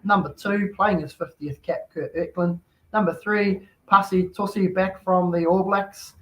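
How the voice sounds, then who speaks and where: A man's voice: high-pitched, steady tone, measured pace, poor audio. A man hosting a casual chat, talking in an easygoing, matey way. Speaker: host.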